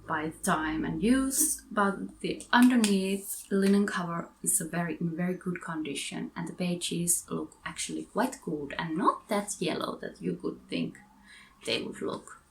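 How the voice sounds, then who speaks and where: The recording is rough, with a little hiss or hum, and her voice is low and gravelly. She's a Finnish-accented book vlogger from Finland, casually chatting about her book haul, correcting herself along the way and tossing in giggly asides.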